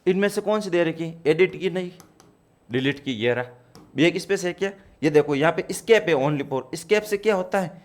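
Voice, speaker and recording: A man's voice: fairly high pitch, animated, normal speed. A man teaching a computer exam-prep class, explaining step by step and repeating key points to his students.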